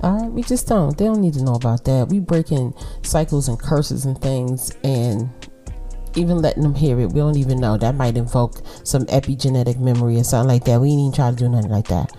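Deep-voiced, laid-back woman with a Brooklyn accent. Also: warm tone, faint music behind. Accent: Brooklyn, New York. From Brooklyn, New York. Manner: laid-back, unhurried, conversational. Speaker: podcast host. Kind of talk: casual solo podcast chat addressed to women listeners.

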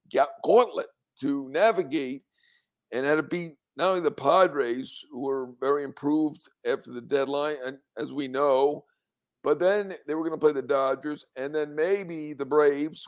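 A man's voice: fairly high pitch, no echo. A man giving casual sports commentary as a reporter and co-host, in short, choppy sentences.

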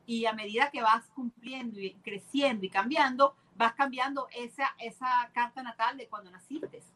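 A woman's voice: on the high side, fairly even intonation, normal speed, bright, forceful tone, rough recording. A woman guest explaining her ideas earnestly and with enthusiasm in casual conversation.

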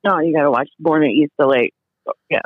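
A woman's voice: low voice, a little fast, no room sound, phone-quality sound. A woman in her thirties, a podcast guest chatting about movies in a giggly, playful way. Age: 30s. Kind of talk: casual chat about movies.

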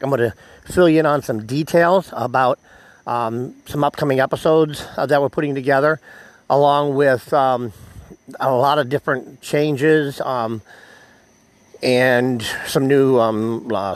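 An American man hosting a solo podcast, speaking haltingly with many ums and whistling slightly on his words because of missing teeth. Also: medium pitch, dry recording. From United States. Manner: halting, filled with ums and pauses. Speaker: podcast host. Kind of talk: solo podcast announcements to listeners.

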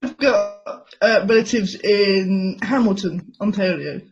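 An English man from Hertfordshire chatting casually as a co-host, relaxed and laughing often. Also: high voice, takes it slowly, dull audio. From Hertfordshire, England. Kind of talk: casual chat.

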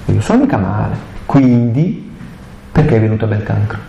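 A man gives an impassioned, colloquial catechesis talk on a Bible passage, firing off rhetorical questions in a lowish, dark, creaky voice that is animated and brisk. The live room recording is echoey, with faint background hiss and the highs cut off.

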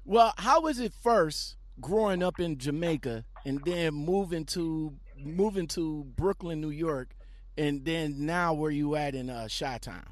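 A man hosting a casual podcast interview, hyping up his guest with excited, repetitive phrasing. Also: fairly high pitch, measured pace, dry recording. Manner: animated, repetitive hype-man delivery. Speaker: podcast host.

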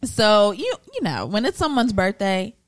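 A woman co-hosting a podcast, telling stories in an animated, chatty way with laughs and casual swearing. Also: medium pitch, moderate pace, no room sound. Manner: animated, chatty storyteller with frequent laughs and profanity. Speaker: podcast co-host. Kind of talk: casual chat.

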